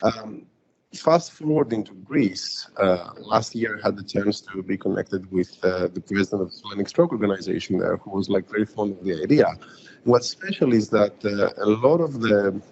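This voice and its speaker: A man's voice: lowish voice, moderate pace, darkish tone. A man speaking conversationally as a startup founder on a panel. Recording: dull lo-fi room recording, background noise.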